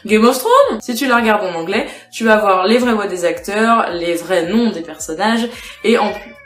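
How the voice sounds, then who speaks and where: A woman's voice: medium pitch, animated, normal speed. A young woman giving casual tips to her viewers in a chatty vlog, talking straight to the listener. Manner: chatty, addresses viewer directly. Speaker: vlogger. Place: indoors at home with a cat. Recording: echoey room with faint music.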